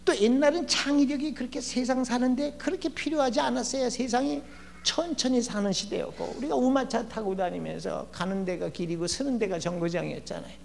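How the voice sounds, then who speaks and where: A gravelly older man giving a lively, humorous lecture as a guest educator in a church. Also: extremely high pitch. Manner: lively, acts out quoted people with shouting and laughs. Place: church hall. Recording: long church hall reverb, faint hum.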